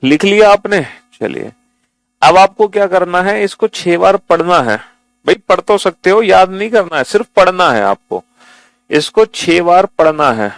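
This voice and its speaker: A man's voice: sits high, sing-song, moderate pace, vocal fry, dry recording. A male teacher giving a coaching-class lecture in a patient way, repeating and spelling out letters and calling the students "beta".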